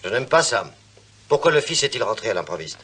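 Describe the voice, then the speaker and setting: An actor playing an anxious, scheming lawyer, a villain's accomplice, in a dubbed TV adventure. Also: male voice, medium pitch, sing-song, fairly quick, noisy background, natural voice. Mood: worried. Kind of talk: French-dubbed television adventure acting.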